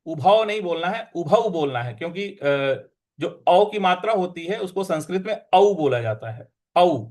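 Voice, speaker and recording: A man teaching Sanskrit verse pronunciation, breaking words into syllables slowly and repeating them with care. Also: high voice, lively intonation, a little mellow. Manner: slow, deliberate syllable-by-syllable drilling. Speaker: Gita recitation teacher. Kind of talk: Sanskrit pronunciation lesson with chanting.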